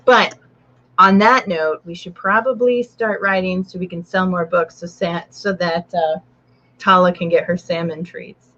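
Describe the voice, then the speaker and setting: A woman's voice: on the low side, fairly even intonation, unhurried, fairly bright tone, dull audio. A woman author hosting a casual writing stream from home, chatting and rambling with restarts and talking to her dog. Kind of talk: casual chat.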